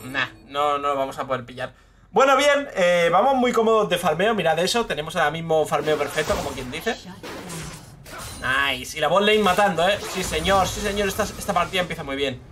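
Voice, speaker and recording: A young man with a Spain Spanish accent giving live gameplay commentary, swearing freely and bursting into shouts at the big plays. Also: a little high, expressive, brisk, noisy background. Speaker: streamer. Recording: game music clearly behind the voice.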